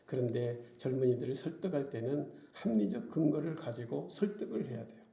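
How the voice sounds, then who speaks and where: A middle-aged male pastor preaching a Sunday sermon, animated, acting out quoted taunts. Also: mid-range voice, a little fast, creaky. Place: church sanctuary. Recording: echoey church room.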